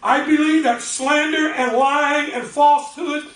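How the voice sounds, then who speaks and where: An older man preaching a folksy, animated sermon as pastor, acting out little conversations. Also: very high-pitched, unhurried. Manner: folksy, animated, acts out dialogue. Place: church. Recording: echoey church room from far off.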